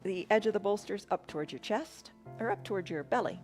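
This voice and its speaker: A woman leading a guided restorative yoga class in a soothing, unhurried, encouraging way. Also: medium pitch, darkish tone, faint music behind. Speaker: yoga instructor.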